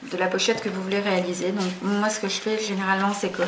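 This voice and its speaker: A woman's voice: medium pitch, flat delivery, fast talker. A woman hosting a casual craft tutorial, chatty and hesitant, full of fillers and self-corrections. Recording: roomy echo, faint background noise.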